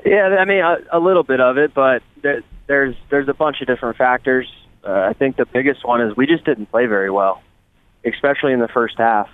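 A man calling in on speakerphone while he drives, talking in a relaxed, halting way. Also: medium pitch, smooth, no echo. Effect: on speakerphone in a car. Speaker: guest player. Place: driving in a car. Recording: tinny phone line.

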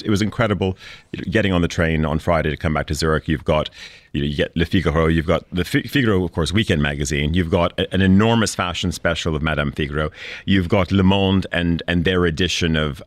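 A man's voice: low voice, no room sound. A male radio host chatting casually on a studio panel, often stammering and repeating words.

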